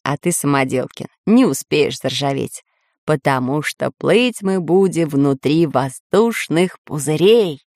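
A calm, learned old professor from a children's story, put on by a woman reader. He explains slowly and soothingly in a voice pitched well below her own. The recording is dry and close. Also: dry recording. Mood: reassuring. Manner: slow, lowered, reassuring explaining. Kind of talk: children's audiobook voice acting.

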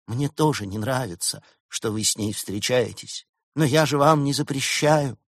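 A man's voice: mid-range voice, normal speed, dry recording, studio quality, pitched above the performer's own voice, natural voice. A man voicing a lovelorn tragic male fox actor, speaking melodramatically in a dead, mournful voice. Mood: stubborn.

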